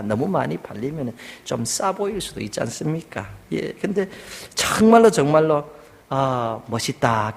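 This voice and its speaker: Male pastor, fairly high voice, preaching in a reverberant sanctuary, soft asides and shouts. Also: creaky. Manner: swings from quiet talk to shouted prayers, with humor. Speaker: senior pastor. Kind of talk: sermon. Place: church sanctuary.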